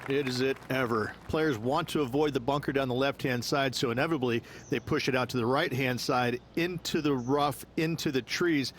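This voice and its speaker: A man's voice: mid-range voice, normal speed, hardly any pauses, slight background noise. A man giving golf commentary as an analyst, explaining and advising on how to play.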